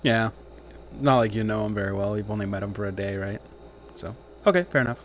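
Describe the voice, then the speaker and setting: A man's voice: lowish voice, a little fast. A man chatting casually as he runs a tabletop game session. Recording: faint background noise.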